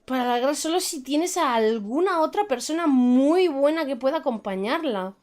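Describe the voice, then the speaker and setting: A woman's voice: high-pitched, expressive, fairly quick, darkish tone. A woman giving chatty, playful live commentary as a game streamer. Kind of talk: casual live gameplay commentary.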